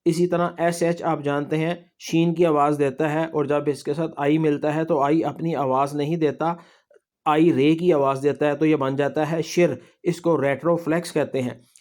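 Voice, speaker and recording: A man's voice: on the high side, steady tone, moderate pace, a little mellow. A man with a Pakistani Urdu accent teaching a slide-based language lesson, explaining patiently and reassuring his viewers.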